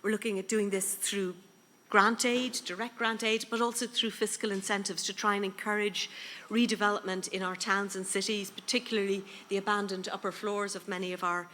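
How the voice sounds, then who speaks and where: A woman giving a measured conference presentation as a heritage official. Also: medium pitch, level tone, fairly bright tone. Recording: hall reverb.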